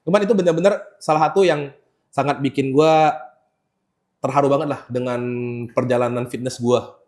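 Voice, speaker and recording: A man from Pontianak with an Indonesian accent, telling a story as a podcast guest, animated and swearing freely as he acts out quotes. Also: medium pitch, normal speed. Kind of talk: casual storytelling chat.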